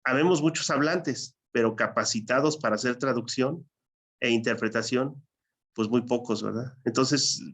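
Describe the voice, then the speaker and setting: A Purépecha-speaking man, lecturing a class in an explanatory way and checking with students as he goes. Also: medium pitch. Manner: explanatory, asks the class to follow. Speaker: teacher.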